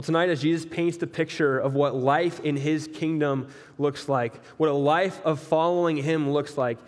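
A young male pastor giving a laid-back, jokey sermon in a church hall. His voice sits fairly high for a man, and it rings out with a long echo off the walls. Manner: relaxed, joking, talks straight to the audience. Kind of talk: casual conversational sermon.

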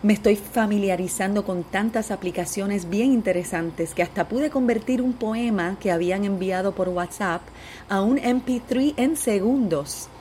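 A woman's voice: medium pitch, normal speed, dark tone, slight background noise. A woman with a Puerto Rican accent hosting a podcast, speaking in an upbeat, chatty way in a personal monologue. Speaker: podcast host.

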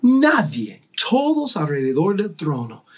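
A man co-hosting a podcast, telling a devotional story and acting out shouting crowds. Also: fairly high pitch, huge pitch swings, slow, breathy edge. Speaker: podcast co-host, pastor.

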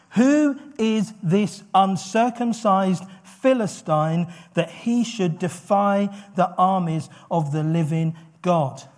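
A man preaching a sermon in an animated way, acting out quoted lines with rising intensity. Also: fairly high pitch.

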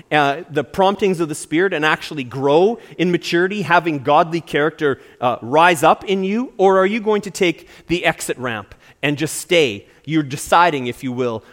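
A male pastor delivers an earnest sermon in a high voice that swings widely in pitch. He leans hard on key words for emphasis. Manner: earnest, preaching with emphatic stresses.

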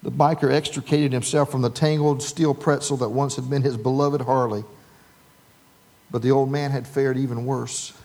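A man's voice: medium pitch, little pitch movement, normal speed, darkish tone. A man preaching a sermon, telling a humorous story with voices for the people in it. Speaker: pastor.

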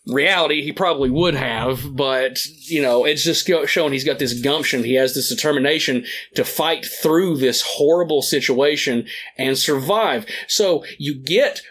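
A man's voice: mid-range voice, moderate pace, a bit bright. A man co-hosting a casual podcast, arguing for his movie pick with enthusiasm, lots of fillers and swearing. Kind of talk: casual debate chat.

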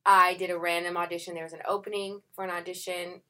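A woman's voice: on the low side, little pitch movement, quick pace, bright, forceful tone. A young adult actress, chatty and full of filler words, who acts out her own past thoughts while telling her story in an interview. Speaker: actress guest. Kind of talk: casual conversational interview.

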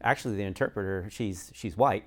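A man from the United States speaks as a chaplain and pastor at a church discussion. He talks in a loose, conversational way, filling pauses with "uh" and "um" and laughing lightly now and then. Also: lowish voice.

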